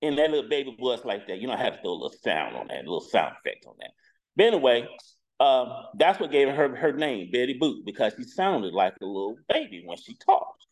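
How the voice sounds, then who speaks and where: Co-host, man, lively pitch, animated rambling storyteller. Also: brisk, creaky, poor audio. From Huntsville, Alabama. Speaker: regular co-host. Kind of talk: casual podcast chat.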